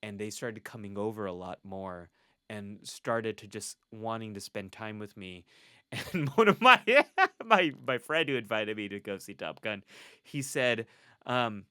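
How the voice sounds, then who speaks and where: A man with a bright, forward voice talks candidly as a psychologist being interviewed. He is earnest and reflective and breaks into laughter between thoughts. The sound is close and dry, with no room around it. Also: fairly low pitch, animated, unhurried, smooth, dry recording. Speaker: clinical psychologist, podcast guest. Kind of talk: candid conversational storytelling.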